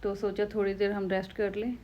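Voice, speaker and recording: A young Pakistani woman with a Pakistani Urdu accent and a slightly hoarse throat, chatting to viewers in a casual travel vlog. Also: mid-range voice, flat delivery, brisk, lo-fi sound, a little hiss or hum. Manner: chatty, conversational, addresses viewers directly. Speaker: vlogger.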